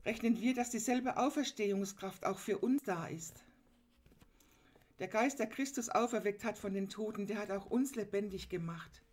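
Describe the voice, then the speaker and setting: A woman's voice: mid-range voice, a little mellow. A woman preaching a sermon, retelling a gospel scene earnestly and turning to her listeners with direct, emphatic appeals.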